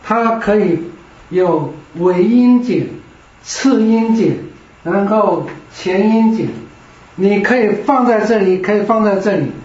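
A man's voice: high-pitched, slow, darkish tone. A man teaching Greek to a class, explaining patiently step by step. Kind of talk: classroom lecture. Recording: roomy, dull lo-fi classroom recording.

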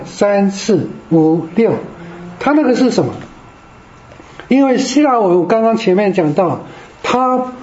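Man, teacher, patient classroom lecture, high voice, reverberant room. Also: a little mellow. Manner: patient, explaining step by step. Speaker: Greek teacher. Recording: roomy, dull lo-fi classroom recording.

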